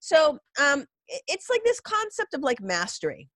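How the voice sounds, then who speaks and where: A woman's voice: high voice, wildly swooping pitch, normal speed, a bit bright, no echo. A middle-aged woman with a congested, nasal voice from a cold, hosting a podcast in an informal, rambling, emphatic monologue. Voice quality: stuffy, nasal. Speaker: podcast host. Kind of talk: casual solo podcast monologue.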